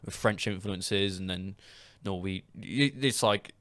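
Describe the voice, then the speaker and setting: A man's voice: low voice, slow pace, fairly bright tone, no room sound. An English man hosting a podcast, chatting casually with rambling asides. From England. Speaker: podcast host. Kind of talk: casual chat.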